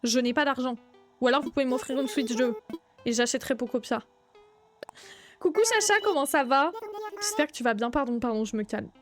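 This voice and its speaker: Live streaming with faint music behind her, a high-pitched young woman talks casually with her audience, greeting viewers by name and breaking into excited outbursts. She speaks fairly quickly but leaves long pauses.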